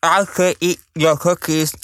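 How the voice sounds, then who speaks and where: A woman's voice: low voice, flat delivery, measured pace, fairly bright tone, no room sound, clean studio sound. A woman voicing a naive, eager teenage boy with gee-whiz politeness in a parody radio advert. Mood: eager, polite.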